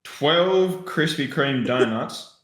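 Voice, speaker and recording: A man's voice: on the high side, animated, slow, a bit bright, echoey room, slight background noise. Blunt, sweary Australian young man. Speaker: podcast guest. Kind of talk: casual chat.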